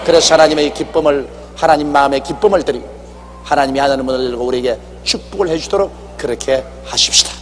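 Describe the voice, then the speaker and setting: A man preaching an animated, exhorting sermon as a pastor in a church sanctuary, often acting out dialogue. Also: on the high side, fast talker. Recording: echoey hall with faint hum.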